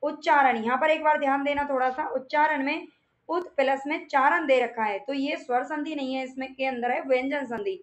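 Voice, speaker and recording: A woman gives an exam revision lesson on grammar. Her voice sits high, and she keeps asking rhetorical questions that she answers right away. She repeats her points to drive them home. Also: moderate pace. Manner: repetitive, asks and answers own questions. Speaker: Hindi grammar teacher.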